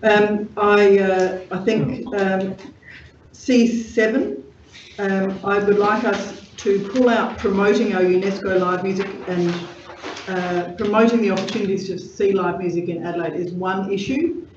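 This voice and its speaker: A man speaking as deputy lord mayor in a council committee meeting, hesitant and halting, with many fillers. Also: high-pitched, fairly even intonation. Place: council chamber. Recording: echoey, dull room recording from a distance with noise.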